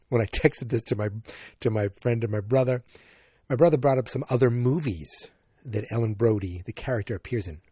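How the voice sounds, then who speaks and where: This Boston-accented podcast host from Massachusetts talks briskly in a mellow, slightly rough voice of medium pitch. Recorded with studio quality and no room sound, he rambles solo, often interrupting himself and leaning on fillers.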